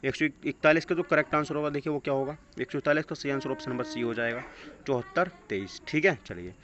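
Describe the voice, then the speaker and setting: This exam coach talks fast in a medium-pitched, fairly bright voice, working through questions and answers in a test-prep lesson. He drops English phrases into his instruction, and the dull lo-fi recording has clear background noise.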